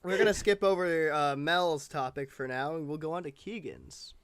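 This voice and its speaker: A man's voice: a little high, animated, normal speed, fairly bright tone, clear, resonant tone, no echo. A young man co-hosting a casual podcast, chiming in with dry, sarcastic remarks. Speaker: podcast co-host. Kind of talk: casual chat.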